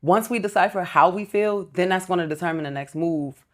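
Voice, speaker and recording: A woman's voice: lowish voice, brisk. A woman in her thirties talking as an interview guest, earnest and reflective, explaining things step by step in casual chat. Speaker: entrepreneur guest.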